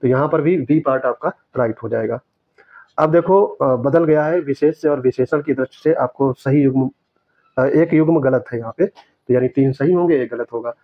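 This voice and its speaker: A man teaching, going through exam questions and correcting each answer step by step, repeating the right words slowly. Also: medium pitch, dry recording. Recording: dry, dull lo-fi sound.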